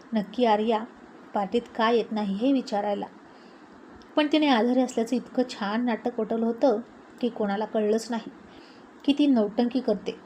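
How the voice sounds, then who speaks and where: Woman storyteller; fairly high voice, steady reading, faint hiss. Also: low-quality recording. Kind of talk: scripted story narration.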